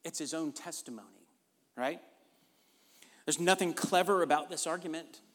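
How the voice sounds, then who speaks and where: A man's voice: fairly high pitch, normal speed, fairly bright tone. A man preaching a sermon in an emphatic, conversational way, often checking in with the congregation. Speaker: pastor. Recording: long reverb of a large hall.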